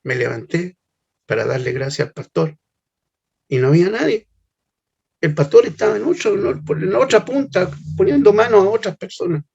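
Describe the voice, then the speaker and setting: An older man giving a heartfelt, halting personal testimony. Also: high-pitched, lively intonation, vocal fry, a little mellow, breathy edge. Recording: slightly muffled lo-fi recording.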